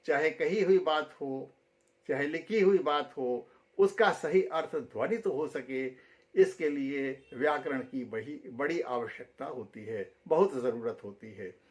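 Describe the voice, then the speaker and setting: A man teaching a grammar tutorial in a slow, measured way, each phrase rising and then sinking at its end. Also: fairly high pitch. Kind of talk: tutorial lecture.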